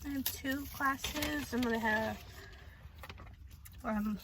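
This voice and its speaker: A young woman chatting bluntly and laughing with a friend over fast food in a parked car. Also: fairly high pitch, gravelly, noisy background. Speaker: college student friend. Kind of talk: casual chat while eating. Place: parked car in a parking lot.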